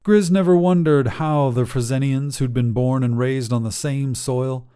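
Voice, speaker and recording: A man hosting a story podcast, narrating a short story in a calm, measured, scripted way. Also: mid-range voice, smooth.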